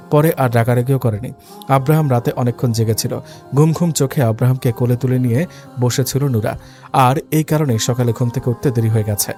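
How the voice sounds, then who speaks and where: A man narrating a dramatic story in a steady, scripted reading. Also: medium pitch. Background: faint background music.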